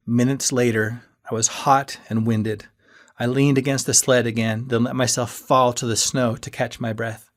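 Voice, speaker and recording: Brief: male author-narrator, first-person audiobook reading, earnest, mid-pitched voice. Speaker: author reading his novel.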